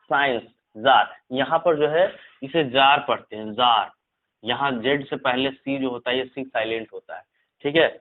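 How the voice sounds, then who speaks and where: A man teaching English spelling rules to students, repeating each rule and checking in with them often. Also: mid-range voice. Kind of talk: classroom lesson explaining spelling rules. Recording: tinny phone-like lo-fi sound.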